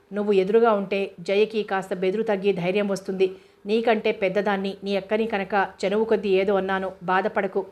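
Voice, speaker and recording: A woman's voice: mid-range voice, close to an everyday voice. A woman voicing a stern, protective elder sister who scolds her younger brother, read in an audiobook. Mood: soothing. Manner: scolding, exasperated. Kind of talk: audiobook character reading.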